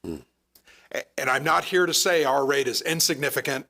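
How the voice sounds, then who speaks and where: A man serving as town manager, explaining matters earnestly at a council meeting, hoarse as he loses his voice. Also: mid-range voice, moderate pace, sharp tone. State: losing his voice. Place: council chamber.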